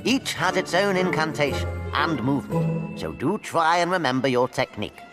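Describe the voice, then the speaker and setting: A man's voice: on the high side, big pitch swings, moderate pace. A man playing a kindly elderly charms professor in a video game, cheery and encouraging as he teaches. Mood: cheerful. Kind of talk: video game character acting. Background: loud game music.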